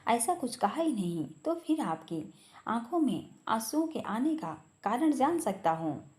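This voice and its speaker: A serious, composed male boss, put on by a woman narrator in a storybook reading. He speaks calmly and with measured weight, his voice pitched a little below the narrator's own yet still lively in its rise and fall. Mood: grave.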